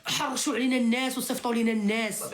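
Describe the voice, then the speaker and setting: A woman's voice: fairly high pitch, flat delivery, very fast. A woman with a Moroccan accent venting in heated informal live chat, insistently repeating her phrases for emphasis. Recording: roomy, echoing sound.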